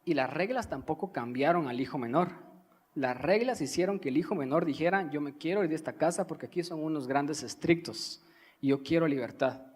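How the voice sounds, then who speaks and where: A young man from Guatemala, preaching a sermon in an earnest teaching manner, pausing to stress key words. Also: on the high side, darkish tone, breathy edge. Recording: reverberant church hall.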